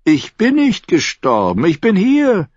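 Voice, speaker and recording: A male audiobook reader voicing a sardonic, worried nobleman who speaks urgently in a raised, husky voice. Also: high-pitched, huge pitch swings, measured pace, a little mellow, dry recording, voice pushed up, exaggerated voice. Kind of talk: audiobook character voice. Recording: dull lo-fi dry recording.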